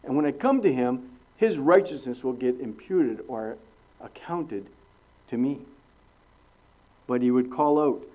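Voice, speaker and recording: A middle-aged man preaching an expository sermon, earnest and emphatic, swinging between sudden loud rises and hushed drops. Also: medium pitch, animated, a little slow, long pauses, lo-fi sound.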